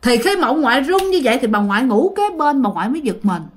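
A woman telling a ghost story in a casual, animated way, often addressing her listeners directly. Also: sits high, fast.

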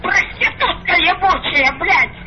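An older woman, a foul-mouthed granny arguing angrily on the phone, swearing crudely and hurling insults in a combative, shouting way. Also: very high-pitched, a little slow. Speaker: prank call victim. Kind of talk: angry phone argument. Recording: muffled, noisy telephone line.

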